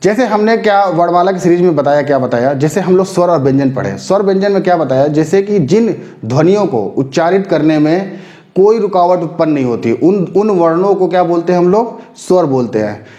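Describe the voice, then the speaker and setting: A man's voice: high-pitched, animated, a little fast, mellow, reverberant, muffled recording. A man teaching a Hindi grammar lesson for exam preparation, explaining step by step and answering his own rhetorical questions. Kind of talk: classroom-style lesson for exam prep.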